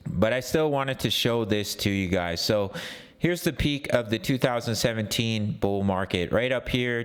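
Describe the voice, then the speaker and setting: A man's voice: medium pitch, clear, resonant tone. A man with a sore throat giving casual market chart commentary as a channel host, often repeating phrases for emphasis. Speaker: host of a crypto trading channel.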